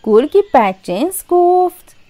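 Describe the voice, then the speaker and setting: A woman reads a children's fairy tale aloud in a lively, sing-song way. Her voice sits a bit higher and swoops expressively as she tells it. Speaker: storyteller. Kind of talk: storybook narration.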